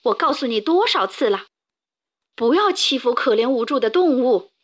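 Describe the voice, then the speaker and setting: A woman's voice: fairly high pitch, lively intonation, moderate pace. A woman voicing a tiny, frail old woman in a storybook, with squealing cries and motherly scolding.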